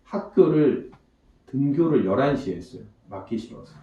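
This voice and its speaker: A comedian giving an emotional testimony in church, telling his story in an animated way and acting out the voices of the people in it. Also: mid-range voice, moderate pace, distant mic, dull audio. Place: church hall before a congregation. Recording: echoey church hall, mic from afar.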